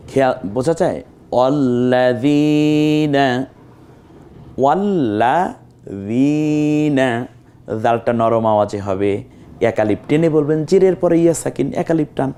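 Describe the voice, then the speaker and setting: A man teaching Quran recitation step by step, patiently repeating words and breaking into drawn-out melodic chanting of the verses. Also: mid-range voice, mellow. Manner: drawn-out melodic chanting of Arabic verses between plain explanations. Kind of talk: slow step-by-step recitation lesson.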